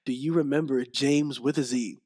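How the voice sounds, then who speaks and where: A young man, a podcast guest, telling stories in casual chat, animated and laughing often as he acts out what people said. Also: mid-range voice, moderate pace.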